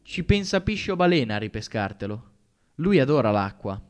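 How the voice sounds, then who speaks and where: A man's voice: medium pitch, sing-song, a little mellow, close to an everyday voice. Man doing a sneering sarcastic teen bully. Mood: taunting. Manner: mocking, drawn-out taunting delivery. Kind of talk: audiobook character voice.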